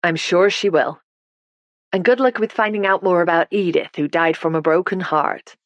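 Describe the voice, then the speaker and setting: A woman voicing a blunt American man with a gravelly New York accent in an audiobook. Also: on the low side, moderate pace, no room sound, muffled recording, lightly acted.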